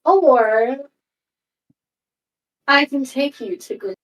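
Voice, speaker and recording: A woman voicing a stern, usurping male cat-folk king who talks in a slow, cold, measured way in a tabletop game. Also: high voice, animated, recorded from a distance, heavily acted, rough recording. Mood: menacing.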